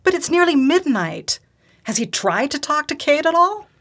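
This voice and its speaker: Reluctant, sceptical wife female actor, highish voice, very varied intonation, pointed scripted delivery. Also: big pitch swings, normal speed, fairly bright tone. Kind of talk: scripted dialogue acting.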